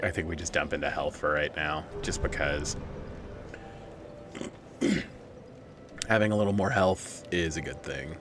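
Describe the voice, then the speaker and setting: A man's voice: low-pitched, slight background noise. A man giving casual, joking commentary while playing a video game, talking to himself and swearing at enemies.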